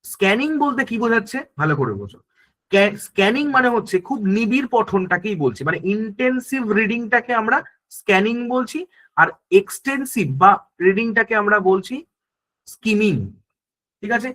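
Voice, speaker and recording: A man, speaking in a high, bright, ringing voice, teaches an online exam-prep class. He lays each idea out step by step, asks the students' questions himself and answers them, and keeps checking that everyone follows. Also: animated, a little fast, rough recording. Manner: explains step by step, asking and answering his own questions.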